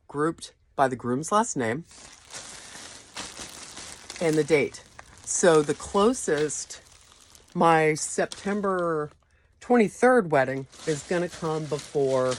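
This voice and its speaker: An informal, instructive store trainer with a voice of middling pitch walks a new colleague through procedures. The delivery is explanatory and practical, regularly pausing to check that the listener follows. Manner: instructive, checking in often with "okay?". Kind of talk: informal staff training walkthrough.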